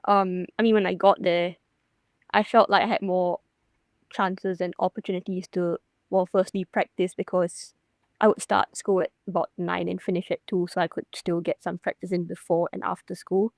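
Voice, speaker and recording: A young woman from Singapore speaks in a relaxed interview as a professional golfer. Her voice sits low, and the sound is dry and close with no room around it. She talks casually, full of fillers and small restarts. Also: moderate pace, no room sound. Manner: chatty, many fillers and restarts.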